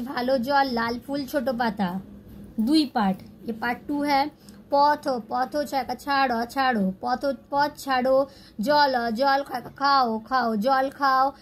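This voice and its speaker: A woman with a high voice teaches a beginner language class at an unhurried pace. She patiently breaks every word into its syllables and says each one again. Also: fairly bright tone. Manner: patient, repeats words syllable by syllable. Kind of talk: slow spelling-out lesson.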